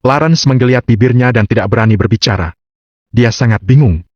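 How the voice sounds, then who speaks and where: Man, novel narrator, steady even delivery, mid pitch, dry, lo-fi muffled. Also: fairly quick, no room sound. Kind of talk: scripted narration. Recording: dull, dry lo-fi recording.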